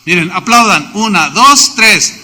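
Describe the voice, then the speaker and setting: A man with a Mexican accent preaching a sermon, telling stories with lively exclamations and acted-out claps in a church auditorium. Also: high-pitched, a little slow, noisy background. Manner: animated storytelling, acts out exclamations and claps. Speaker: pastor. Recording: large reverberant church hall.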